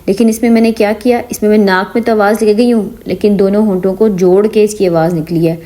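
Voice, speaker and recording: A woman's voice: mid-range voice, steady tone, dark tone. A woman teaching Quran reading in an online lesson, mixing English words into her Urdu and checking after each point whether the learner has understood.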